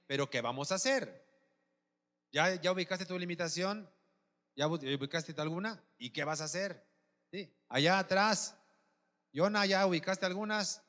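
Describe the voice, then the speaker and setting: A pastor preaching, his voice sitting a bit high for a man. He keeps asking the congregation whether they follow him. The sound carries a long reverb from a large church hall. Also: a bit bright. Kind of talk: sermon.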